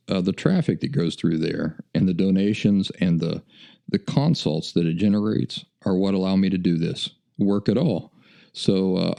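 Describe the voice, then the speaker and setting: Low and mellow with some vocal fry, this man from the United States hosts a podcast. He spins casual, folksy stories and pokes fun at himself along the way.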